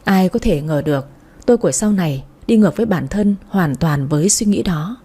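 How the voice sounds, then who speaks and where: A woman's voice: lowish voice, expressive, brisk, mellow, breathy edge. A young woman narrating a first-person story in a wry, matter-of-fact way.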